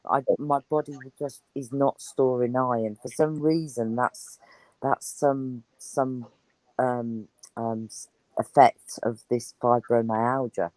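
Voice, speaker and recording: A woman's voice: extremely low pitch, steady tone, slow pace, darkish tone, dry recording, low-quality recording. Chatty woman with a dry voice. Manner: chatty, rambling, enthusiastic. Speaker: guest on an online chat show. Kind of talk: casual chat.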